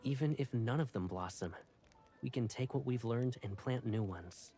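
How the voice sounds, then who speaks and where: An actor playing a calm, tender young male love interest in a video game, soft-spoken and reassuring. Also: medium pitch, moderate pace, soft background music, natural voice.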